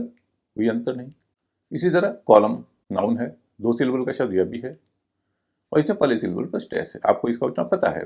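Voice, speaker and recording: A man's voice: mid-range voice, vocal fry, darkish tone, breathy edge. A man teaching a recorded video lesson, explaining step by step and spelling out each word letter by letter. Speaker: English teacher.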